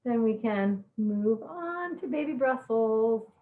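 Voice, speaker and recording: A bubbly woman with a fairly high voice leads an online cooking class, chatting and laughing at her own jokes while her eyes water from onions. Her voice comes through thin and phone-like, bouncing around an echoey kitchen. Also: animated, slow pace. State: teary from cutting onions.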